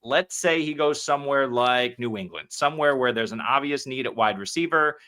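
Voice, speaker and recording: Bright-voiced male podcast host. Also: medium pitch, expressive, moderate pace, clean tone. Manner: easygoing, steers the talk with questions. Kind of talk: casual podcast chat.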